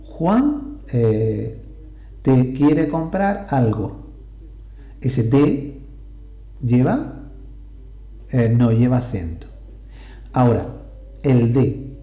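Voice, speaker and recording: A male teacher with a Spain Spanish accent explains grammar slowly and deliberately, counting syllables aloud. His voice is deep in tone yet lively in pitch. The recording is roomy and a little dull. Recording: roomy echo, slightly dull sound.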